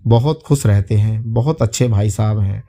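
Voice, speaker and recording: A man's voice: fairly low pitch, moderate pace, mellow. A man reading as a naive, cheerful village simpleton. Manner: naive, overly polite greetings. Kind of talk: storytelling.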